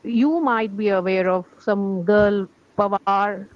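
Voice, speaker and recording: A woman's voice: mid-range voice, steady tone, slow pace, dry recording, highs cut off. A woman school teacher from India with an Indian English accent, a native Hindi speaker, talking in a casual, hesitant way with many fillers. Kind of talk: casual conversation.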